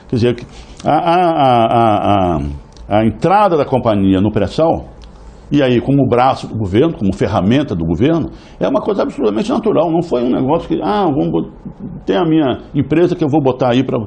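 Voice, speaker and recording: A man's voice: medium pitch, creaky, dark tone, slightly rough. A man answering interview questions as a company insider, hesitant, with many restarts and tag questions.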